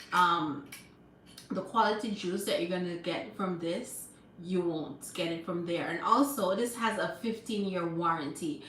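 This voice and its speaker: This young woman, a livestream host with a Jamaican accent, speaks in a mid-range, fairly bright voice during casual stream chat. She laughs often and thanks viewers. The mic is distant, leaving the sound roomy and noisy.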